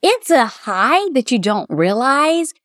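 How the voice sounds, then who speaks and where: A middle-aged woman with a Kentucky accent, a bridal shop owner talking warmly and at length in a casual interview. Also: high voice, takes it slowly, no echo, clean studio sound. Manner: chatty, heartfelt, quotes others in lively voices.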